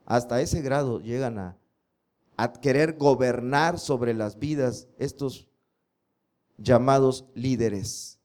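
A man giving a sermon, slowly reciting scripture for his listeners to repeat and asking them rhetorical questions. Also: medium pitch, a little mellow. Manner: slow emphatic recitation of scripture, drilling the audience. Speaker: preacher.

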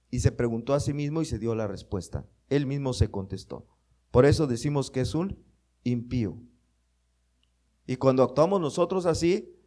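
Male preacher, unhurried emphatic sermon delivery with a somewhat high voice. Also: darkish tone. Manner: slow, emphatic preaching with rhetorical questions.

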